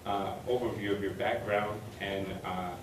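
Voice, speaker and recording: Recorded by a far mic in an echoey, noisy university lecture room, a man moderating a panel delivers hesitant opening remarks thick with ums and uhs. His voice is fairly low and steady, at a moderate pace.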